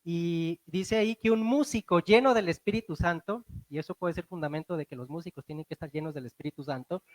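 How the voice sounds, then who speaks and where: A man with a Mexican accent preaching a sermon, animated, slowing and rising for emphasis, asking the congregation rhetorical questions. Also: a little high, no room sound.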